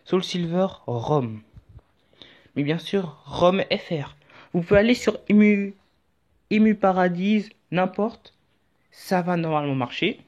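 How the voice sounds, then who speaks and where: A man's voice: high-pitched, animated, slow pace, pauses often, a little mellow. A man talking through a casual tutorial in a chatty, rambling way with jokey asides. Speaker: YouTube tutorial host. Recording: dull lo-fi audio with faint music.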